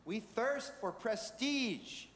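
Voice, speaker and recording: A man preaching a sermon in a measured way, asking the congregation rhetorical questions. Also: very high voice, lively intonation, a bit bright, slight background noise. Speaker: pastor. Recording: reverberant hall with faint ambience.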